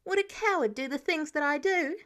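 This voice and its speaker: Woman playing indignant, high-pitched young Spider-Man. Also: a little fast, fairly bright tone. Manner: indignant, sassy. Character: irritated, defiant young male superhero, earnest and cheeky. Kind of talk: audiobook character dialogue.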